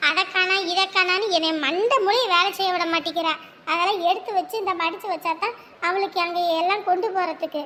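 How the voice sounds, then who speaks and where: A woman's voice: extremely high pitch, a little fast, bright, forceful tone, slight background noise. An actress playing a fussing, scolding mother of the bride. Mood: flustered. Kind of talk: village family drama.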